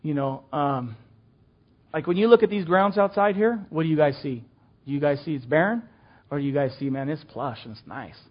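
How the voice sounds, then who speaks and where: A man's voice: fairly high pitch, expressive, fairly quick, highs cut off. An older man teaching a children's ministry class in a casual, folksy way, full of fillers and restarts.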